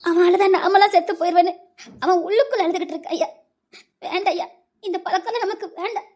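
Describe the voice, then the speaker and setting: An actress playing a caring woman of the family, speaking gently and tearfully in a Tirunelveli Tamil accent, in a family drama. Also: very high-pitched, steady tone, fast. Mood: soothing. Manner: gentle, soothing, tearful pleading. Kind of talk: emotional web-series drama acting.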